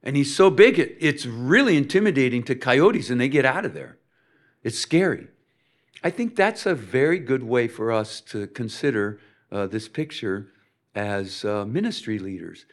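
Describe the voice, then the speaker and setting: An older man from Minnesota gives an informal teaching talk to ministry leaders. He wanders from one story to the next and fills his pauses with "um" and "you know.". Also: mid-range voice, expressive. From Minnesota, USA. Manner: rambling, anecdotal, frequent fillers. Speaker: ministry instructor.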